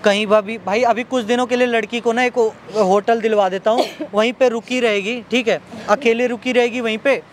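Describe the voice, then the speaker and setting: A man's voice: extremely high pitch, steady tone, fairly quick, few pauses, a little hiss or hum. A man appealing to viewers for help, pleading and repeating himself, and soothing when someone cries. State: unwell. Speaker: vlogger helping a young woman.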